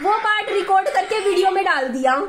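A woman's voice: very high-pitched, expressive, a little fast, a crowd in the background. A young woman vlogging in a heated, defensive rant, repeating herself and near tears at times. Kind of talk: emotional vlog rant.

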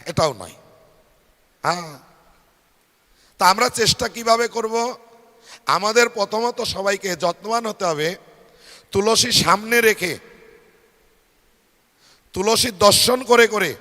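A man's voice: high-pitched, bright, forceful tone. A male preacher with a Bengali accent giving a devotional sermon, asking the crowd questions and having them repeat phrases after him. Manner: rhetorical questions to the audience. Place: large hall at a devotional fair. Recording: long hall reverb.

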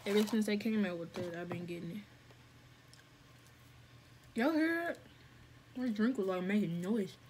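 A woman's voice: medium pitch, fast, few pauses. A woman chatting casually through a mukbang vlog, talking while she eats with her mouth full. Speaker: food vlogger. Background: faint fan hum.

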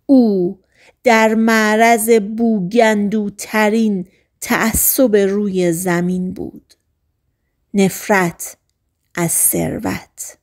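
Soft-spoken woman reading a novel. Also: mid-range voice, steady tone. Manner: soft, hushed, often half-whispered delivery. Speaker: audiobook narrator.

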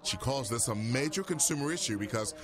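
Male TV news reporter, measured delivery. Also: medium pitch, expressive, crowd noise. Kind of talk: scripted news narration.

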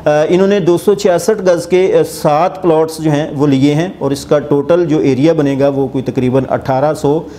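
A man in his forties with a Pakistani Urdu accent hosts a property channel from an office, explaining a project's rates to camera with frequent pauses. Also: on the high side. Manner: hesitant, many filler sounds, steady explanatory tone; seated, gesturing with hands while reading notes. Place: indoor office with armchair. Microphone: lapel mic.

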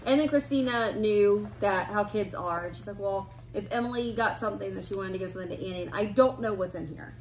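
A woman's voice: mid-range voice, fast, hardly any pauses. A woman in her thirties hosting a casual family unboxing chat at home, laughing often and talking over her kids. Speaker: family channel host. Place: home room with collectibles shelves, indoors. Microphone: fixed camera across a table.

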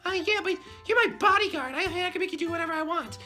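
A tiny, bratty monkey boy for a plush puppet skit. The voice is extremely high and piercingly bright, whining and defiant like a stubborn small child. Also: fast, faint music behind, full character voice. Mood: anxious. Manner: whiny, defiant.

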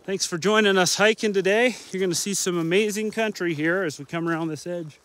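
A chatty man in his thirties live-streams from an open mountain slope, his voice sitting a touch high. He talks upbeat and slightly breathless into a phone held at arm's length, with faint outdoor noise in the air. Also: brisk, a bit bright. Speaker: vlogger and hiking dad. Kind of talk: live-stream hiking vlog.

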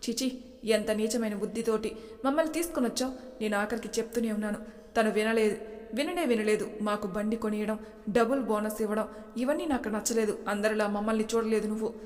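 A woman playing a desperate, wronged young wife who pleads in a flat, even voice. A long reverb trails after every line, as in a storybook reading. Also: medium pitch, brisk, natural voice. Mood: distressed. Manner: pleading, tearful.

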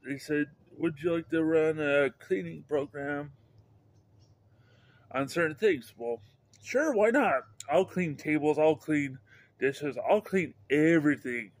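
A middle-aged vlogger from Idaho, USA, with a slightly high voice, rambles slowly and upbeat, halting and repeating or restarting words. He films outdoors by a house under an overcast sky, holding his phone camera at arm's length.

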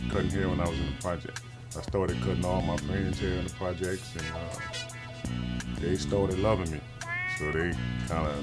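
A man in his forties from New Orleans, a barber and shop owner, telling his story in a casual, slangy documentary interview in his barbershop. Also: low-pitched. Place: barbershop, indoors.

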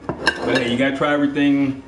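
A man who is the guest taster on a casual home cooking show, relaxed and joking, filmed by a far camera in a kitchen. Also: mid-range voice, brisk. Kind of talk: casual chat. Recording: roomy kitchen from off-mic, noisy.

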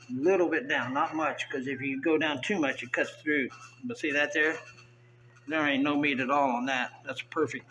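A man's voice: medium pitch, a little hiss or hum, rough recording. An older man from the South, chatting casually as he fillets fish at a tiled kitchen counter, recorded on the camera mic. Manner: relaxed, chatty, thinking aloud while filleting fish. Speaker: vlogger. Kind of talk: casual how-to narration.

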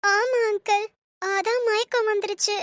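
A woman's voice: extremely high pitch, fairly even intonation, a little slow, a bit bright, no echo, clean studio sound. A woman voicing a timid young bride in a cartoon, speaking meekly and hesitantly. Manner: meek, hesitant. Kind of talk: cartoon voice acting.

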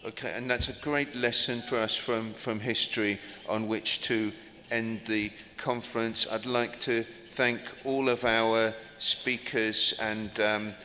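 Flat, bright-toned male moderator. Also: lowish voice. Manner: halting, with ums and restarts. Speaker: panel moderator. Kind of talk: conference closing remarks. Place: large conference hall. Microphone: table microphone. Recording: reverberant hall, faint noise.

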